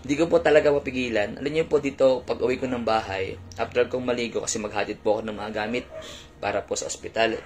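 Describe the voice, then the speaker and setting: A young man giving an earnest, polite sermon testimony, often repeating his phrases. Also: medium pitch. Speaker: preacher.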